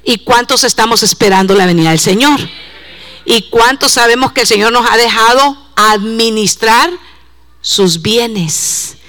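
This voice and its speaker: Female preacher, fervent sermon delivery, rhetorical questions to the flock, somewhat high voice. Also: pushed and bright. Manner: speeds up and slows down, repeats words.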